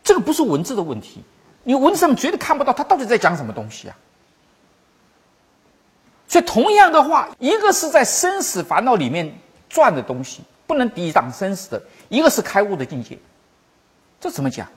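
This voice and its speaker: A Buddhist teacher gives a storytelling lesson with a very husky, breathy voice. The pitch swings widely as the speaker acts out the old masters and slowly repeats key phrases. The delivery stays instructive and patient. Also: huge pitch swings. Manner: storytelling, acting out quoted masters. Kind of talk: Chan Buddhist teaching talk.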